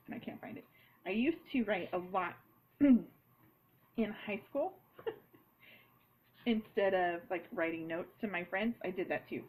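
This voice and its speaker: A woman's voice: mid-range voice, darkish tone, slight background noise, poor audio. A woman author chatting casually and rambling a little as she writes, laughing at herself now and then. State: has the hiccups. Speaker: author vlogging a write-along. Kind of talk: casual chat while writing.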